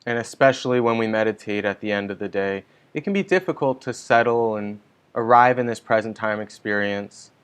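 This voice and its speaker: A man leading a guided meditation online, giving calm, gentle, unhurried instructions. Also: on the low side, smooth. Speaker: meditation teacher. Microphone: online stream mic.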